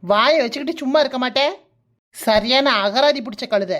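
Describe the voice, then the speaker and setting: A woman voicing a gruff, scornful older village relative in a cartoon, with a southern Tamil Nadu accent. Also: high-pitched, normal speed, fairly bright tone, highs cut off, pitched below the performer's own voice. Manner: sneering, insulting.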